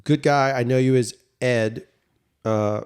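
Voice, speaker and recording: A man's voice: mid-range voice, steady tone, slow, darkish tone, smooth. A man co-hosting a podcast, chatting casually with playful, joking banter. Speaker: podcast co-host.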